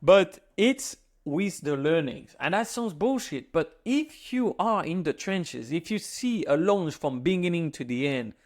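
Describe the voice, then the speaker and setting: French-accented man, slightly high voice. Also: animated, unhurried, hardly any pauses. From France. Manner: joking, self-mocking asides. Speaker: finance YouTuber. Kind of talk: casual self-filmed monologue to camera.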